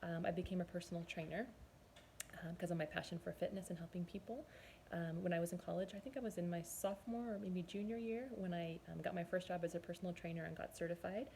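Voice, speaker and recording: A woman in her forties speaks in a low, gravelly voice. She tells her own story as a nutrition and fitness coach, chatty and earnest, often pausing to recall. A faint hiss sits under her voice. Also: steady tone, mellow. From Southern California, US. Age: 40s. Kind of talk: personal testimonial monologue.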